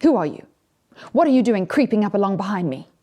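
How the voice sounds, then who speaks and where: A storyteller voicing an anxious, curious, excitable female duck in a children's storybook, chattering and questioning. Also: mid-range voice, quick pace. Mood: wary. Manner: chattering, questioning, easily delighted.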